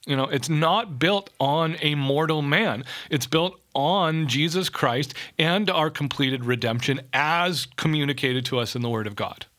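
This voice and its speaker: A man's voice: fairly high pitch, unhurried, few pauses, sharp tone. A man co-hosting a casual podcast, explaining scripture with quoted verses and self-mocking humor. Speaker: podcast co-host. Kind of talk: casual theological discussion.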